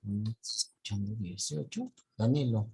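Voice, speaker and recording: A man's voice: on the low side, moderate pace, vocal fry, darkish tone, husky. A male teacher on a video call, going through his students' reading mistakes point by point. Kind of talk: online reading class feedback.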